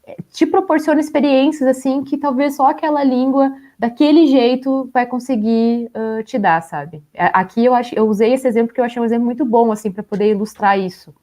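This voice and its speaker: Young woman, live stream co-host, casual chat, fillers and small laughs, a bit high-pitched. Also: fairly quick, dark tone. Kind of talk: casual chat showing photos.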